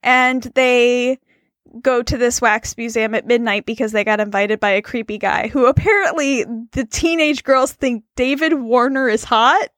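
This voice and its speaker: A woman co-hosting a casual movie chat, animated and rambling, laughing often. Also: fairly high pitch, moderate pace, dry recording, studio quality. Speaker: podcast co-host.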